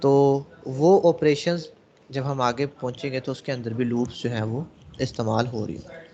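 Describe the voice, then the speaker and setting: A man's voice: medium pitch, steady tone, moderate pace, warm tone. Man teaching a class in a dull recording. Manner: explains step by step, asking the class questions and answering them himself. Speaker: programming teacher. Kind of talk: classroom lecture. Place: classroom with students.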